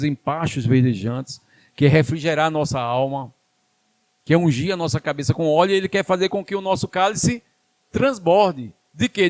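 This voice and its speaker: On the high side and recorded with no room sound, a man with a Brazilian Portuguese accent gives an emphatic, repetitive church sermon. He repeats phrases and calls the congregation to answer back.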